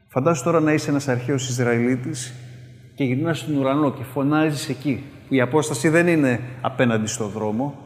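A man preaching a sermon, animated when he calls out his examples and hushed as he moves toward prayer. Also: a little high. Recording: echoey hall with long reverb.

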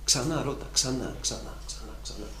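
A man's voice: mid-range voice, sharp tone, a little hiss or hum. Fervent preacher man, echoey room. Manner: emphatic, repetitive, rising to fervent peaks. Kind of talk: sermon. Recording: echoey room with faint ambience.

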